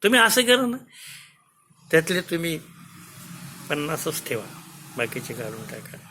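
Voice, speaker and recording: A man's voice: on the high side, sing-song, a little slow, noisy background. A man storyteller voicing the king's cold, dismissive grown daughter, who complains in a sweetly reproachful way. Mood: complaining.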